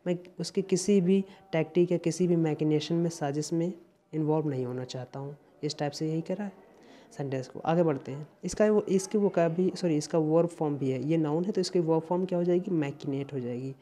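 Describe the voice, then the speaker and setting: A man's voice: a little high, a little fast, dark tone. A man teaching vocabulary, explaining patiently and repeating each word to drill its pronunciation.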